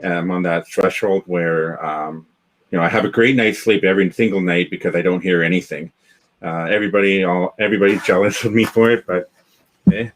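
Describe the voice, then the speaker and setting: A man's voice: low-pitched, fairly even intonation, brisk, low-quality recording. A Canadian man talking as a guest on a video-call interview, rambling with many restarts and fillers. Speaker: guest, developer community founder. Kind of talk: casual interview chat.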